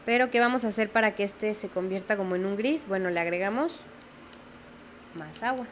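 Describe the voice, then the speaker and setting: A woman's voice: medium pitch, a little fast, a little hiss or hum. A young woman teaching a step-by-step watercolor lesson, patiently explaining and often checking in with the viewer. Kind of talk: step-by-step painting tutorial.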